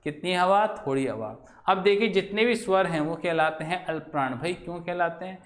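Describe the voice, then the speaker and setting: A man's voice: high voice, expressive. Questioning male Hindi teacher, echoey room. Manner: asks the class questions and answers them himself, drawn-out key words. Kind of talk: classroom lecture.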